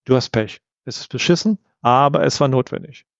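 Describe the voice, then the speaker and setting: A man's voice: medium pitch, brisk, vocal fry, dry recording, natural voice. A man reading an audiobook, voicing a blunt, matter-of-fact male detective. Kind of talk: audiobook character voice. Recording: dull, slightly lo-fi.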